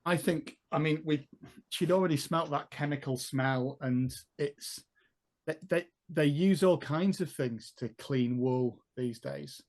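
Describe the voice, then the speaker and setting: A man's voice: fairly high pitch, unhurried, a little mellow. Man musing through a tabletop story. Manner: thinking aloud, building the scene step by step. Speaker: player. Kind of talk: tabletop role-play storytelling.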